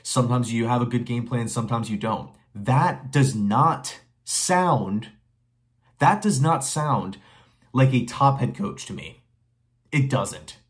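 A man's voice: medium pitch, slow pace. A young man giving emphatic, opinionated commentary straight to camera from a small bedroom, firing off rhetorical questions and repeating phrases for emphasis. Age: young adult. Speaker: sports commentary vlogger. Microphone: webcam or phone facing him at desk.

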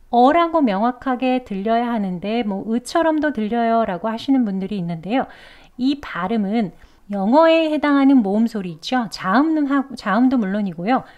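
A woman teaching English pronunciation in a calm, explanatory way, slowing down to model words. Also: a little high, highs cut off. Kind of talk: pronunciation lesson.

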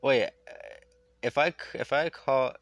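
A man's voice: medium pitch, a little slow, no room sound. A tired young man giving casual gameplay commentary, reading the on-screen dialogue aloud and stumbling over his words in a drowsy mumble. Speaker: let's play gamer.

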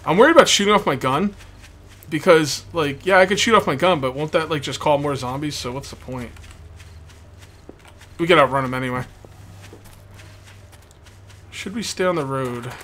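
With a fairly high, slightly bright voice, this let's play host talks at normal speed but pauses often. He rambles casually through his gameplay, repeats himself, and has a bitten, sore tongue. Background noise and game ambience can be heard behind him.

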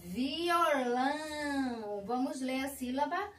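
A Brazilian woman teaches preschoolers in a slow, sing-song way, stretching every syllable. Her voice sits a little high. It sounds roomy, picked up by a mic some distance away in a classroom. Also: lively intonation, a little hiss or hum. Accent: Brazilian Portuguese. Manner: slow, drawn-out syllables for small children. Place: school classroom.

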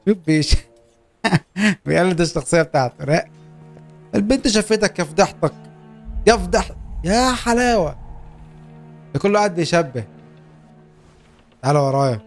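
A young man with an Egyptian Arabic accent giving excitable, joking commentary as he plays a game. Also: high voice, normal speed, long pauses, faint music behind. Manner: excitable, joking, urging his character on. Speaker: gaming YouTuber. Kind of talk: Let's Play commentary.

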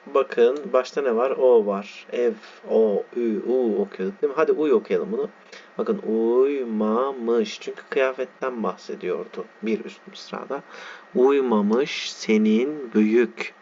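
A man teaching a lesson, reading a text aloud slowly and spelling out its letters and words as he explains them. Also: mid-range voice, darkish tone. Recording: dull lo-fi sound with faint background noise.

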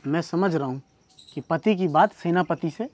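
The recording is very noisy, and the man's voice sits on the high side at a normal pace. He plays a husband in a comedy sketch, bantering sarcastically and dryly with his wife and eventually ranting in exasperation.

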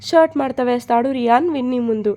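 A woman narrating a love story in a steady, plain storytelling manner. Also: a little high, fast, muffled recording.

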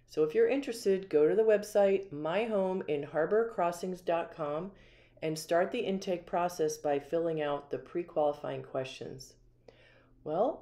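A woman's voice: low-pitched, dark tone. A woman with an American accent giving an upbeat walkthrough tour of an empty small home, listing its features one by one as she holds the camera off screen. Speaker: community home tour guide.

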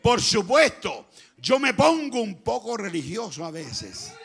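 Chilean male pastor, fervent shouting preacher, gravelly, high and bright. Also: sing-song, a little slow. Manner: fervent, often shouting, swings between loud and soft. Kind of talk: Pentecostal sermon. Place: church.

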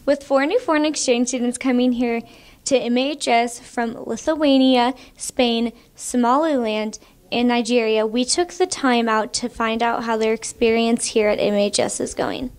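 Student anchor woman, a bit high, reads narration steadily. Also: normal speed. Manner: even, read-aloud delivery. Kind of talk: scripted narration.

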